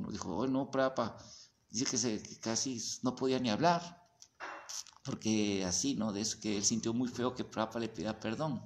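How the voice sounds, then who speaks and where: A man with a Mexican accent giving a lively storytelling talk to devotees, acting out voices and sounds as he goes. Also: mid-range voice. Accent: Mexican Spanish. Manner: animated storyteller, acts out voices and sounds, often asks "¿verdad?". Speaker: spiritual teacher.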